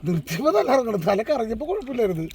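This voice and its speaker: A man's voice: very high voice, very animated, very fast, a crowd in the background. A man chatting casually outdoors on the water. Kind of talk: casual chat. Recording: noisy outdoor recording on water.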